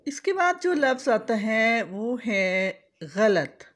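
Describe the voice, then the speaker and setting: A woman's voice: fairly high pitch, big pitch swings, slow. A woman teaching correct pronunciation, spelling out vowel marks letter by letter and repeating each word. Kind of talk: slow, deliberate instructional explanation.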